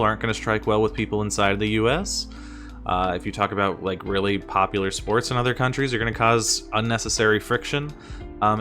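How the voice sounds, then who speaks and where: He's a US streamer and teacher explaining presentation tips in a casual, chatty way while music plays. His voice sits on the low side and sounds a bit bright, and he frequently answers his own exasperated rhetorical questions.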